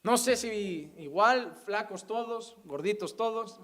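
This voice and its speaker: A young man preaches with fervor. His sermon swings between hushed, sorrowful passages and soaring, shouted proclamations. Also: high voice, slow pace.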